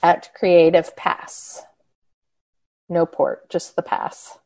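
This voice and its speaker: A woman's voice: on the low side, completely flat delivery, drawn-out words, mellow. A woman hosting a podcast interview, chatty and upbeat, laughing often as she wraps up. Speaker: podcast host. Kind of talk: interview wrap-up chat.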